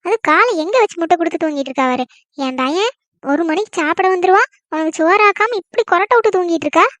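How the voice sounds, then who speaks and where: Someone voicing a shrill nagging mother-in-law. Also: quick pace, no room sound. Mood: scolding. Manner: nagging, scolding loudly. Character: grumbling village mother-in-law, aching and scolding. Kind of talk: cartoon comedy voice acting.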